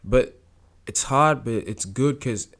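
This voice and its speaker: A young man from South Sudan with an Australian accent, talking about his acting as a guest in a casual interview, relaxed and hesitant, with many fillers. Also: mid-range voice, slow pace. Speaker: guest actor.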